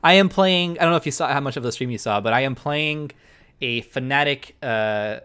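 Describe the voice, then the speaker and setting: A man's voice: mid-range voice, moderate pace, bright, forceful tone, clean tone. A man streaming a strategy game, chatting casually and rambling with lots of fillers. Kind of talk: casual live-stream chat.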